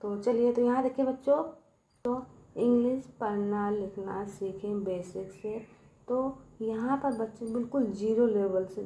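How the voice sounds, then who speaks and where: Female tutor, slightly high voice, patient call-and-response teaching style, echoey room. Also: dark tone. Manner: addresses kids repeatedly, checks with "ठीक है" and quiz questions. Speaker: English teacher. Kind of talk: Hindi classroom-style video lesson.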